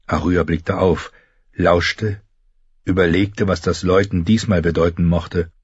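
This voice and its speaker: A man narrating a fantasy story in an audiobook with measured, even delivery. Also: low voice, husky, no room sound, muffled recording.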